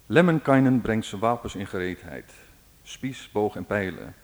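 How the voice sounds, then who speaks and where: A man narrating an old folk epic aloud in a measured, dramatic way. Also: on the low side, lively intonation. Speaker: storyteller. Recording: long hall reverb.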